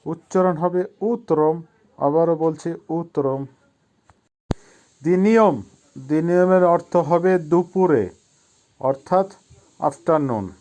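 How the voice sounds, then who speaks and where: A man teaching a vocabulary lesson, saying each word, giving its meaning, and repeating it slowly for pronunciation. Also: a little high, a little mellow. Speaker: language teacher.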